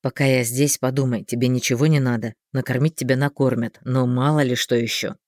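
Darvald, a woman voicing a calm male mage. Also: no echo, clean studio sound. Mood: gentle. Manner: unhurried, measured, low and soft. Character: calm, caring male mage, grown man. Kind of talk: audiobook character voice.

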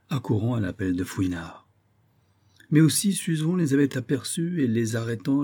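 A man narrating a classic novel as an audiobook, measured and storytelling. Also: on the low side, warm tone, slightly rough.

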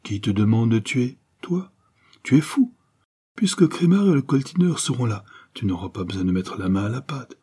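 A man's voice: mid-range voice, animated, moderate pace, husky. A man voicing a ruthless, scheming adventuress who gives orders with menace, reading an audiobook. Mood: scornful. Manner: menacing, imperious, rising to shouts. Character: ruthless scheming adventuress, cold, commanding woman. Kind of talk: audiobook character voice.

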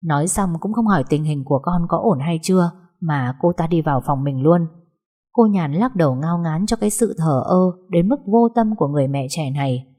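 Low-voiced woman narrating a story. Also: expressive, fairly quick, warm tone.

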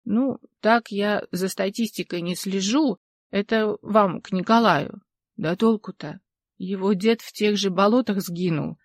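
A woman reader voices a talkative old village man telling local legends, making him loud, folksy and emphatic with rustic speech. Her lively delivery pushes the lines hard at a medium pitch and unhurried pace. The recording is dry and close, with no room sound around it.

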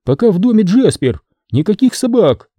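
A man's voice: high voice, big pitch swings, normal speed, no echo, lo-fi sound, voice pushed up. A man voicing a practical, firm but kindly mother in an audiobook story.

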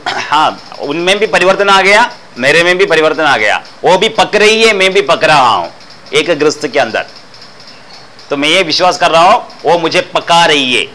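A man's voice: on the high side, lively intonation, normal speed, bright, forceful tone, a little hiss or hum, poor audio. A man teaching philosophy in an explanatory lecture style, repeating phrases and asking rhetorical questions.

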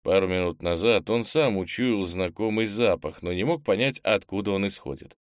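A man with a low voice narrates an audiobook in a calm, even storytelling manner. The recording is close and dry, with no room echo. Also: normal speed. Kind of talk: scripted narration.

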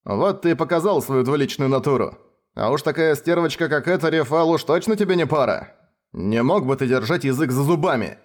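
A man's voice: a little high, lively intonation, fairly quick, pitched above the performer's own voice, lightly acted. A man reading a story, voicing a blunt young male noble who mocks his friend. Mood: mocking.

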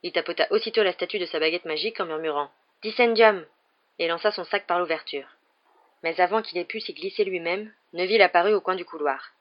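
An audiobook narrator reading a story in a steady, measured way. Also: medium pitch, muffled recording.

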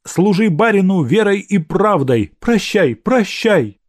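A man's voice: high voice, big pitch swings, slow pace, pitched above the performer's own voice, exaggerated voice. A man voicing an aging peasant mother who tearfully blesses and sternly warns her son, in a raised voice. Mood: tearful pleading. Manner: pleading, scolding.

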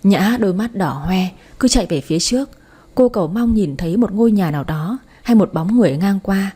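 A woman narrating a romance story for an audiobook in a soft, emotive storytelling manner. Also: mid-range voice, animated, a little fast, slightly rough.

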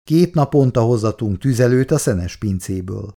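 A calm, dutiful grown son, read by a man close to his own voice, reassuring and kind. The voice is low, dark and gravelly, with a lively pitch.

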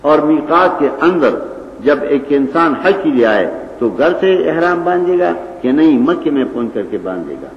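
An older man speaking Pashtun-accented Urdu gives a religious lecture as a Quran and hadith teacher, arguing his points didactically and reciting Arabic passages. His voice is fairly high and very animated. The dull, lo-fi old recording was made in an echoey hall.

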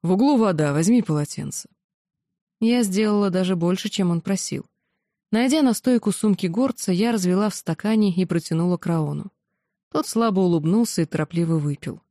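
A woman narrating a first-person audiobook in a steady, measured way. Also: fairly low pitch, no echo, clean studio sound.

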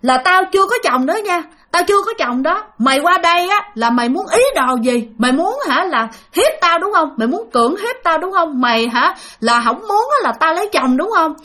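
A hostile possessed young woman cries out curses and accusations in a high, piercing voice. She speaks, while a woman narrator acts her out. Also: fast talker, pushed and bright. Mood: furious. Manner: shrill, cursing, accusing.

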